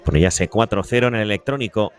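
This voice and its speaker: A man giving live beach soccer play-by-play as a commentator, with breakneck goal commentary and drawn-out, repeated goal calls. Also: fairly low pitch. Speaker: sports commentator.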